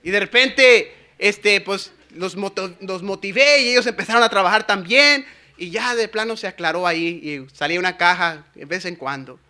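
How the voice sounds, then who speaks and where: A male pastor, preaching to a youth conference. He tells a lively story and builds to fervent shouting. His voice sits high and rings with a sharp, very bright edge. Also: moderate pace. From Los Angeles, USA.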